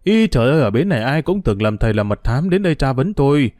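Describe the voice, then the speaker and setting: A humble, anxious older boatman , as a male reader puts him on, deferential and quick to cry out in worry. The voice is warm and mellow and sits close and dry. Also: medium pitch, big pitch swings, no room sound, close to an everyday voice. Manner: deferential, fretful exclamations.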